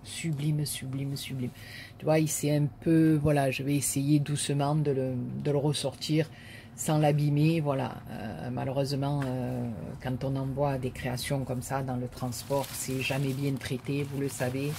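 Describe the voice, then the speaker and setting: A woman's voice: very deep voice, level tone, normal speed, warm tone, a little hiss or hum. A woman vlogger chatting casually to viewers as she unboxes a parcel, gushing and repeating her words of praise with many fillers.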